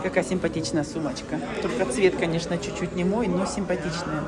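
An older woman vlogging on a handheld camera as she walks through a large indoor ship atrium and shopping halls, exclaiming excitedly at everything she sees. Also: lowish voice, a little fast. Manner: excited, gushing, exclaims often. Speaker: vlogger touring a cruise ship. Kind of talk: casual walking vlog narration. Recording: busy public space with music and crowd. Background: music and crowd chatter.

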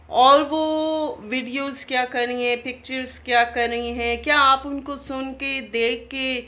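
A woman's voice: high voice, sharp tone. A woman in her thirties ranting indignantly in a video diary, scolding another vlogger with pointed rhetorical questions, recorded on a phone at arm's length in her living room. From Pakistan. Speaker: YouTuber replying to another vlogger. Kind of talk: confrontational video diary rant. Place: living room at home, indoors. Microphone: phone camera at arm's length.

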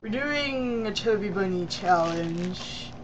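A woman's voice: medium pitch, animated, slow pace. A young woman chatting casually at home into a webcam. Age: young adult. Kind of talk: casual chat. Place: small home room, indoors. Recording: faintly noisy webcam room recording.

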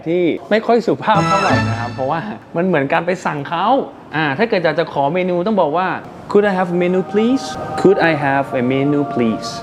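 A man hosting a casual vocabulary lesson in a car showroom, patiently explaining words and spelling them out letter by letter, with polite particles at the ends of his sentences. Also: a little high. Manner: polite, with frequent soft sentence-end particles. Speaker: English teacher and show host.

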